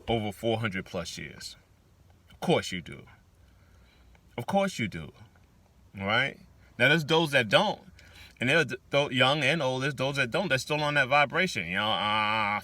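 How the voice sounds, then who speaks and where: Animated man with a lively, bright voice. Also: no room sound. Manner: animated, swings into loud high mock-shouts; drawling, repeats words. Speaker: vlogger. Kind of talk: casual spiritual monologue.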